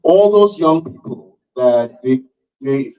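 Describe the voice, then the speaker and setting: An emphatic man speaks from a town hall panel, building to sharp, impassioned peaks. His voice is fairly high, and he sounds distant and muffled. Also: expressive, slow, smooth. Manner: emphatic, rising to sharp outbursts. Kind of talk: impassioned public speech.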